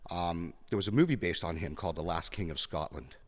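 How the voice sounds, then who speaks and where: A man's voice: low voice, brisk, big-room sound. A man in his fifties, from Kenya, telling his story as a podcast guest in a frank, blunt way with frequent fillers. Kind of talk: conversational interview.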